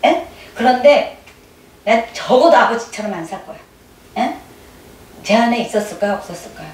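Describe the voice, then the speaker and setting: A middle-aged woman giving a conversational testimony sermon in a church hall, often pressing her listeners with quick questions. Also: a little high, expressive, a little mellow. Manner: keeps prodding the audience with quick questions. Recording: echoey room, mic at a distance.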